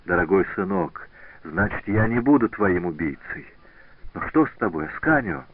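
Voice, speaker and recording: A man's voice: deep voice, animated, normal speed. A man voicing an impassioned master sculptor. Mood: relieved. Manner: emotional, exclamatory. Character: grieving passionate older master sculptor, commanding. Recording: tinny dry lo-fi radio recording.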